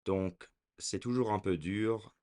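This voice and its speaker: A man born in France and raised in California, talking casually to the camera and pausing often to search for words. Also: on the low side, a little mellow. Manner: hesitant, searching for words with many pauses. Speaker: vlogger.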